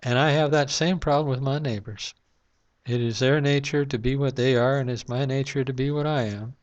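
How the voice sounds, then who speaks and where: A male vlogger delivers a loose, reflective monologue to the camera from a lamp-lit room at home at night, filling gaps between ideas with frequent "uh"s. He keeps a steady tone at a moderate pace in an ordinary middle pitch, captured on a dull, lo-fi recording.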